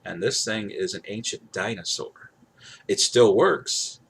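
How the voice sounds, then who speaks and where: Showing off a product to camera, a male gadget reviewer speaks in a lowish, expressive voice, a little slow, rambling casually and repeating himself for emphasis against clear background noise.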